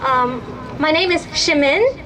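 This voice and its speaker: Very high-pitched impassioned woman speaker. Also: lively intonation, slow, fairly bright tone, a little hiss or hum. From Burma. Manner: impassioned, emphatic, addressing a crowd. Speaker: rally speaker. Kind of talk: protest rally speech.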